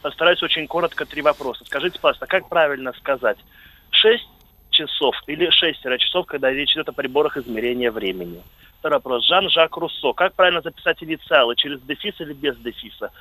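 Male caller, bright and quick, formal and polite, well organized. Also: fairly high pitch, expressive, dry recording, poor audio. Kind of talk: radio call-in question.

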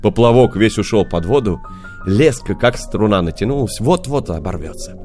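A man narrating children's fairy tales as an audiobook, in a lively, expressive storytelling manner. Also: on the low side, moderate pace, soft background music.

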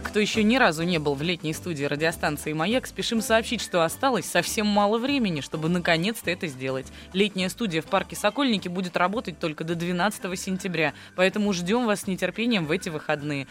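A man's voice: high-pitched, quick pace, hardly any pauses, a bit bright, soft background music. A man hosting a radio talk show, reading listener questions aloud with a joking manner. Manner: reads listener letters, joking. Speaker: radio host.

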